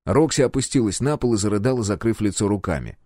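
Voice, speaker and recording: A man's voice: on the low side, animated, fast talker, a little mellow, no room sound, studio quality. A man narrating a first-person science fiction audiobook in a menacing, clipped way.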